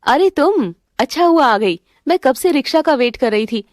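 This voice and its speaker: A woman voicing a brisk, friendly working woman customer in a cartoon story. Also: sits high, lively intonation, a little mellow, no echo, clean studio sound.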